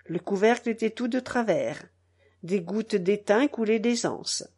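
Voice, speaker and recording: A woman reading a first-person novel aloud with expressive storytelling. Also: mid-range voice, measured pace, husky. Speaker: narrator.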